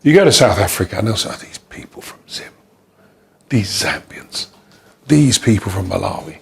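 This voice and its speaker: A man's voice: on the low side, animated, moderate pace, vocal fry. A man from Gambia giving emphatic interview answers on leadership, building his points in rhythmic repeated lists. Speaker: leadership speaker.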